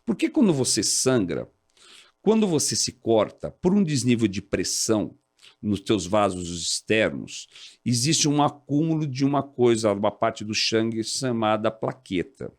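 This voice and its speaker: A man in his forties, a fire department officer, talking as an interview guest in an animated, explanatory way. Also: unhurried. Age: 40s. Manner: animated, explanatory, jumps high when quoting others. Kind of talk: casual interview talk.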